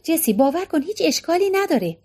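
A woman's voice: very high-pitched, big pitch swings, a little mellow, pitched above the performer's own voice. A woman voicing a middle-aged mother who soothes and reassures. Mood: soothing.

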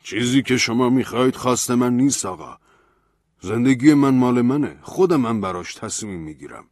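A man's voice: lowish voice, no room sound, clean studio sound. A man voicing a proud, embittered, grieving man who speaks in a bitter, defiant tone.

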